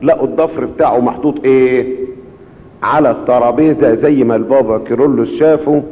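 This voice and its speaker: A man preaching in Egyptian Arabic, telling miracle stories and acting out the voices of the people in them, with pauses for the congregation to answer. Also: medium pitch. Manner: acts out the people in his stories with rising voice, call-and-response pauses. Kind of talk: storytelling sermon. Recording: tinny phone-like sound in a long-reverb hall.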